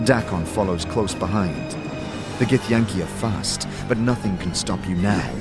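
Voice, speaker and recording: A deep-voiced man delivers dramatic, scripted second-person narration for a fantasy audio series, in a measured, theatrical storytelling style. Music plays in the background.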